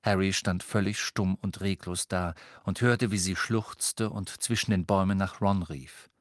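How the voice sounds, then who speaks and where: A man narrating a story aloud in a dramatic, expressive reading. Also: low-pitched, a little slow, dry recording, clean studio sound. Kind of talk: audiobook reading.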